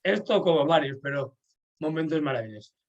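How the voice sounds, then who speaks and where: A man telling stories in a friendly chat, his voice sitting a little higher than most men's. He often breaks off and restarts his sentences. He keeps checking in with his listener as he talks. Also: animated, a little fast, dull audio. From Portugal. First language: Portuguese. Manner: warm anecdotal, frequent "sabes?" and restarts. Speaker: pilgrim and host. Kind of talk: casual storytelling in conversation.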